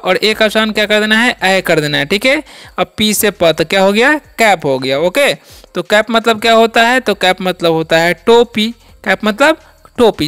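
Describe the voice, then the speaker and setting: A man's voice: high-pitched, a bit bright, smooth, no echo. A man hosting a Hindi-medium English vocabulary lesson, repeating each word's sound and meaning in a question-and-answer teaching manner. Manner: repetitive call-and-answer teaching, asks and answers own questions. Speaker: English teacher and channel host.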